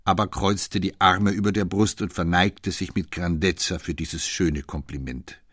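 Deep husky male audiobook narrator. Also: fairly even intonation, fairly bright tone, no room sound, clean studio sound. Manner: measured literary narration. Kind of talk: audiobook reading.

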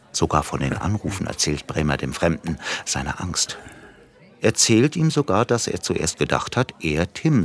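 A man narrating a radio drama in a calm, measured storytelling voice. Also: low voice.

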